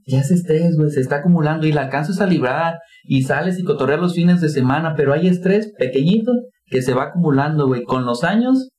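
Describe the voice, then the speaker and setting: A man's voice: on the high side, quick pace, hardly any pauses, a little mellow. A young Mexican man speaking casual chat as a podcast co-host, slangy and laughing often. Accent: Mexican Spanish. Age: young adult.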